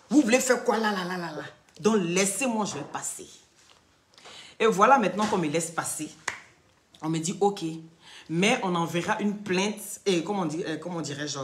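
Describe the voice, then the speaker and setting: A woman's voice: mid-range voice, a bit bright, reverberant, slight background noise. A young woman, telling a story on a casual live stream. She acts out both sides of the dialogue and keeps checking in with her listeners.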